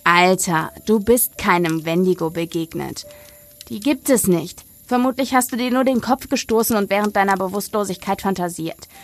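A woman voicing a young man who calmly reassures his frightened friend. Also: medium pitch, normal speed, soft background music, natural voice. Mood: reassuring.

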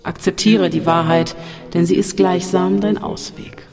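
A narrator voicing a sinister male voice that taunts from a dark shaft in an audiobook, over faint music in a long reverb. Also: mid-range voice, steady tone, unhurried, gravelly. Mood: taunting. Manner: mocking, then coaxing and seductive.

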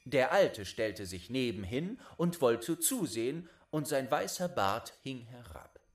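A man reads a fairy tale aloud, his gravelly voice rising and falling with lively expression. He takes his time, sometimes dropping into a hushed whisper. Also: mid-range voice, slow, faint music behind. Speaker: storyteller.

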